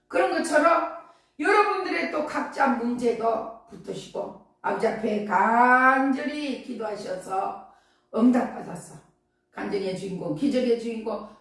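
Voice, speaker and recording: A woman's voice: a little high, recorded from a distance. Emphatic woman preacher in an echoey hall. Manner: emphatic, repetitive, exclamations of hallelujah. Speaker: pastor. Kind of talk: revival sermon.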